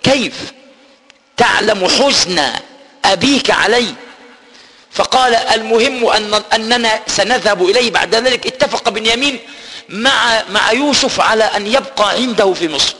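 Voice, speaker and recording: A man gives a lesson on scripture, retelling the story, explaining the old words and chanting verses slowly. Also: high-pitched, bright, forceful tone, long reverb tail. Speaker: Quran teacher. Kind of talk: Quran exegesis lesson.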